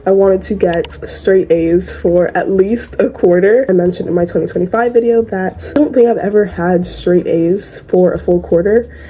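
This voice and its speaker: A woman's voice: mid-range voice, normal speed, warm tone, a little hiss or hum. Chatty teen girl vlogging at home. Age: teens. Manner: chatty, giggly, talks to viewers directly. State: sore throat, tired. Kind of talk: casual vlog chat.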